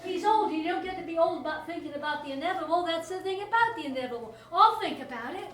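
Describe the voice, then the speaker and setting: Talking fast in a very high-pitched, expressive, slightly bright voice, an actress portrays a chatty middle-aged charwoman, cheeky and irreverent, who laughs often while addressing a silent listener. It's recorded from far off on an echoey stage with faint hiss.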